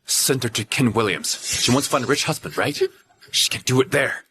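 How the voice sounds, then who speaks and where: A man's voice: mid-range voice, a little fast, pushed and bright, close to an everyday voice. A man voicing a harsh, commanding rich young man in a dubbed drama. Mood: cold. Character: cold, furious rich young man betrayed by a lie.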